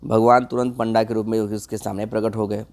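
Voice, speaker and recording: A man's voice: fairly low pitch, little pitch movement, brisk, a little mellow. Man telling a comic folk tale. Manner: loose, conversational retelling. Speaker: storyteller.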